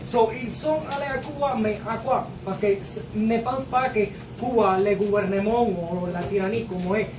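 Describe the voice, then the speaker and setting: Woman with halting Cuban-accented French, echoey, distant. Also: mid-range voice. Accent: Cuban Spanish. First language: Spanish. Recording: echoey, distant, noisy group recording.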